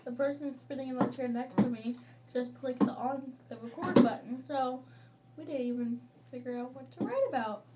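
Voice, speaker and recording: A woman's voice: sits high, moderate pace. A young woman chatting casually in a silly, teasing way. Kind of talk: casual playful chat. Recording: muffled, noisy, distant mic, clicks.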